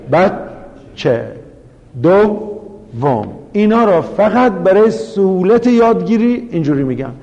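A man's voice: high-pitched, a little mellow. A man with a Yazdi Persian accent teaching a class about spelling and pronunciation, who explains step by step and asks the students questions before answering them. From Yazd, Iran. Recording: dull recording with long room reverb.

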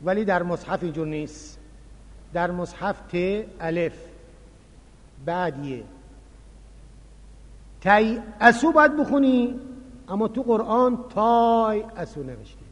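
Guy giving a religious lecture, fairly high voice, lots of hall echo. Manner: explanatory, animated, acts out quoted dialogue. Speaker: lecturer on Quran recitation. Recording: long hall reverb.

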